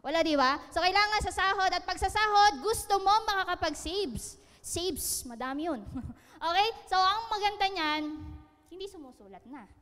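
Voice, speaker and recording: A woman speaks to a room in a high, bright voice, teasing her listeners and laughing at her own jokes. Her words ring out with a long hall reverb behind them, as in a seminar space. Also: lively intonation, moderate pace. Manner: joking, laughing, asks listeners questions. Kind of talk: lively seminar talk.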